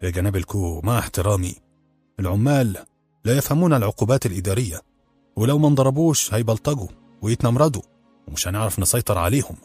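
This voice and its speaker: A man's voice: on the low side, animated, darkish tone, breathy edge, soft background music. Man voicing a solemn, pious old Egyptian hall chief. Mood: pleading. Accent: Egyptian Arabic. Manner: solemn, measured, disapproving. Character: pious older male gambling-hall chief, indignant.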